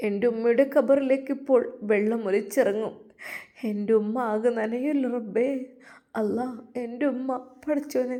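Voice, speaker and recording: A heartbroken young man pleads through tears in a storybook, as a woman narrator puts him on. The voice is mellow and soft, with a Malappuram Malayalam accent. He speaks in a grieving, pleading way. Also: mid-range voice, close to an everyday voice. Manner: tearful, pleading. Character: grieving young man mourning his mother.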